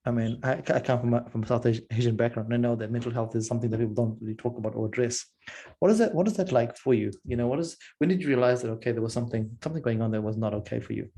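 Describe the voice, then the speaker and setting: A man's voice: mid-range voice, rapid-fire, mellow. A man from Zimbabwe, hosting a casual interview podcast and eagerly affirming his guest. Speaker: podcast host.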